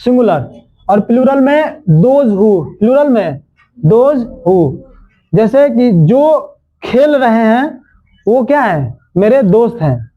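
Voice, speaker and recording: A man with a very high voice teaches a classroom grammar lesson. He drills each rule slowly, repeating phrases and prompting the class, with teasing scolds in between. The classroom recording sounds dull and lo-fi. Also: big pitch swings. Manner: scolds and jokes with students.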